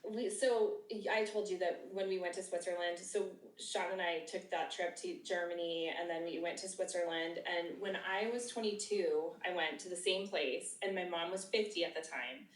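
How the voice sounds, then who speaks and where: A woman's voice: fairly low pitch, fairly even intonation, normal speed, hardly any pauses, distant mic. A woman around fifty, a podcast co-host telling stories in casual chat and laughing often. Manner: chatty storyteller, laughs often. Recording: echoey room, off-mic.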